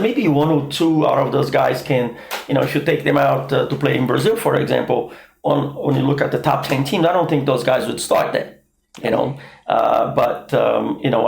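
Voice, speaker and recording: A man in his fifties with a gravelly, rough edge chats as the host, circling through his questions with lots of "you know" fillers. The room gives his voice a noticeable echo, and there is a faint noise underneath. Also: mid-range voice, a little mellow. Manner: rambling, trailing questions with many fillers. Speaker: podcast host. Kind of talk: casual interview chat.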